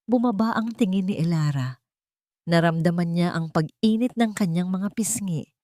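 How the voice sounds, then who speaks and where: A woman storyteller with a lowish, warm voice narrates a scripted, dramatic love story at a moderate pace. The recording is close and dry, with no echo or room sound.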